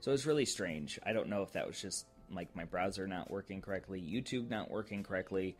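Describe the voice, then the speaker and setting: A man's voice: sits low, a little fast. A man hosting his own podcast, giving a casual, rambling update with many ums and restarts. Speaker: podcast host.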